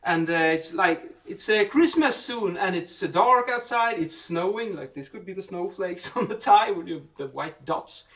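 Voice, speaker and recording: Answering a question on his vlog, a building acoustics specialist explains things casually in a somewhat high, slightly bright voice with lively intonation, a moderate pace and hardly any pauses. He works through his thoughts aloud with repetitions and self-corrections, sounding a bit distant from the mic.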